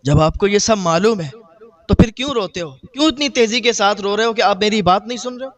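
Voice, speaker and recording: A man preaching voices a pious man who calmly questions a mourner. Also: high voice, natural voice. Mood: questioning.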